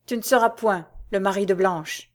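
Woman doing a cold young officer, defiant, calm and measured, audiobook dialogue. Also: medium pitch, lightly acted. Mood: coldly defiant.

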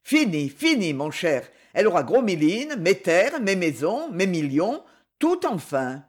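Man doing a jovial old general, mischievous, high lively voice, audiobook. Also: measured pace, full character voice. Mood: gleeful. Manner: lively, jovial, laughing delivery.

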